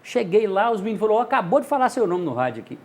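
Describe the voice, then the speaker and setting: An older man from Montes Claros, Minas Gerais, Brazil, a journalist and radio narrator, appears as a guest in a casual storytelling interview, speaking Minas Gerais Brazilian Portuguese. His husky, high voice moves very fast as he animatedly tells anecdotes and acts out dialogue in voices.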